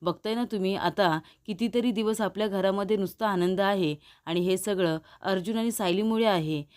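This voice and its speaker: A woman voicing a caring middle-aged wife in a serial recap, gentle and coaxing. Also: medium pitch, normal speed, close to an everyday voice.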